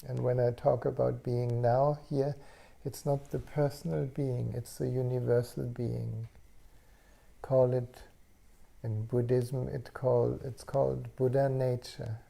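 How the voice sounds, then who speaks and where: A man speaking as a spiritual teacher in an unscripted satsang, slow and serene like a guru, with long pauses and a soft, gravelly voice. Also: mid-range voice, flat delivery. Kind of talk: unscripted satsang talk, answering questions. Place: online video call session.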